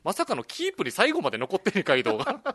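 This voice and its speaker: A man in casual chat about comedy newcomers, lively and laughing often, acting out what others said. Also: sits high, quick pace, slightly rough, no room sound. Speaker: comedy troupe member.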